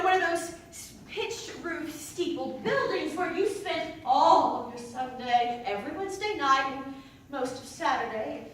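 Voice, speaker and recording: In a heavily echoing room, picked up from a distant mic with faint noise, a woman performs a theatrical comic monologue as a wry, doubting churchgoing mother. Her high, animated voice is heavily acted, and she halts, rambles, interrupts herself and drifts into digressions during this indoor staged reading.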